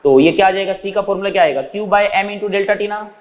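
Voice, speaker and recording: A male physics teacher with a high-pitched, quick voice gives a whiteboard lesson, a long reverb tail behind him. He walks through units step by step, calling his students "beta" and asking them questions he then answers himself.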